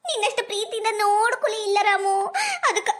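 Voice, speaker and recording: A weepy, food-loving young village woman, played by a woman, speaks in a North Karnataka Kannada accent. Her voice is very high, and she talks fast, sweetly pleading. It is a rustic comedy skit. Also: fairly bright tone. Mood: tearful.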